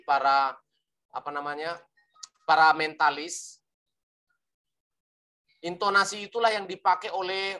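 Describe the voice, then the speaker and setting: Bright, animated male preaching teacher. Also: a little high. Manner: animated, emphatic, demonstrates rising and falling intonation; playful teasing asides. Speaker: preaching instructor. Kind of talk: teaching lesson on sermon delivery.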